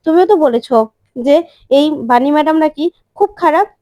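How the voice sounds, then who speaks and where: A woman's voice: high voice, a little fast, mellow, no room sound, muffled recording, voice pushed up, close to an everyday voice. A woman voicing a naive young girlfriend who complains with indignation, in a TV serial retelling. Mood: indignant.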